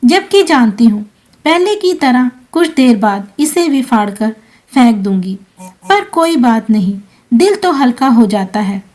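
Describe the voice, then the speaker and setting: A woman voicing a grieving young wife reading out her own letter, in a soft, sorrowful way. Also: a little high, sing-song, a little slow.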